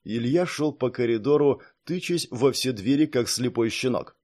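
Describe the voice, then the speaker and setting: Male audiobook narrator, steady, even, mid pitch, scripted narration. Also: moderate pace.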